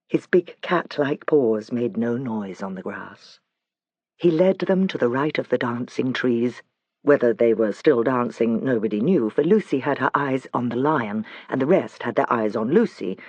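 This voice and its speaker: A man narrating a storybook with a lively, rising-and-falling pitch and measured pacing. The read is close and dry, with a slightly dull, muffled tone. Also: no echo. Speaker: audiobook narrator. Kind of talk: scripted narration.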